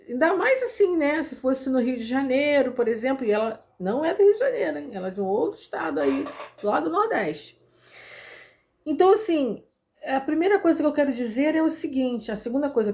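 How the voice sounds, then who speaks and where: A woman's voice: sits high, animated, brisk, a little mellow. A woman from Brazil speaking casually and earnestly about inclusion, with fillers and restarts as she gets to her point. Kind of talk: casual spoken commentary.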